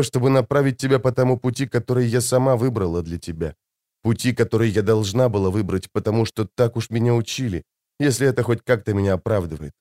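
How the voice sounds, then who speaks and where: A remorseful noble mother with a soft, consoling way of speaking, as a male narrator voices her in an audiobook. Her lines come a little quieter than the narration, with a close, dry sound. There is no real shift into a woman's voice. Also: mid-range voice, dry recording, natural voice. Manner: soft and soothing.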